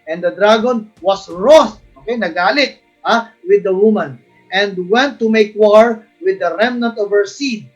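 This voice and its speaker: A male Filipino preacher giving a sermon, mixing Filipino and English, reading verses slowly and often turning to the congregation with a questioning "ha?". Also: high voice, fairly bright tone, dull audio. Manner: mixes Filipino and English, repeats "ha?" and "mga kapatid" to the congregation; reads verses slowly and stresses words.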